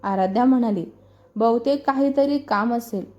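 A woman reading a serialized family story aloud, voicing all the characters' lines in her own lively storytelling voice. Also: a little high, moderate pace. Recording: muffled voice over background music.

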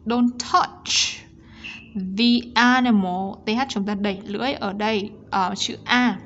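A Vietnamese woman with a Vietnamese accent, teaching English pronunciation to children slowly and step by step, often checking with "ok". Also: medium pitch, fairly even intonation, muffled recording. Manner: slow, explains sounds step by step, often asks ok.

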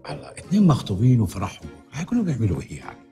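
An actor with an Egyptian accent playing a scheming, fast-talking go-between with a wheedling, conspiratorial manner. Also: male voice, medium pitch, wildly swooping pitch, gravelly, warm tone, faint music behind. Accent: Egyptian Arabic. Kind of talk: Egyptian film comedy acting.

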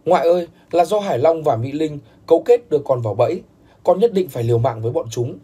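Male narrator doing a tearful, pleading young grandson with a dark voice. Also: fairly high pitch, expressive, quick pace, husky. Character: remorseful young man, the grandson.

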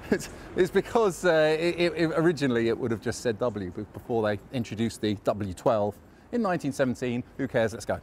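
A man's voice: medium pitch, animated, brisk, darkish tone. A man with a London accent guiding a walking tour through city streets, chatting casually and wandering into self-mocking asides. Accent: London English. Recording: faint street noise outdoors.

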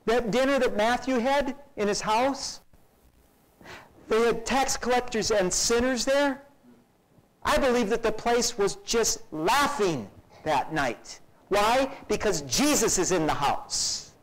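Slow-speaking animated male pastor. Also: very high-pitched, low-quality recording. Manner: animated, acts out scenes with varied voices. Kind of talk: sermon.

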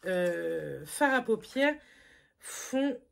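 Female beauty vlogger, relaxed and chatty, teasing herself while showing products to camera. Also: mid-range voice, extremely slow, gravelly. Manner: chatty, self-mocking, lots of fillers. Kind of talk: casual makeup haul review.

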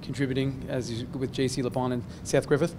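Fast-talking male sports reporter. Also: medium pitch, little pitch movement, very noisy. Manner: quick, running questions together. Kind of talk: post-game press questions.

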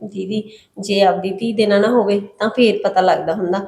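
A woman playing a gentle, timid young pregnant daughter-in-law who softly consoles her sister-in-law in a village short film. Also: medium pitch, steady tone, creaky, natural voice. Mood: gentle, consoling. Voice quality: soft, consoling, quick talker.

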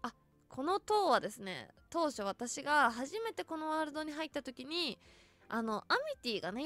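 High-voiced woman gushing over game builds. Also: fairly bright tone, no room sound. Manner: chatty, exclaims often in delight. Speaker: voice actress touring a game world. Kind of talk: casual gameplay commentary.

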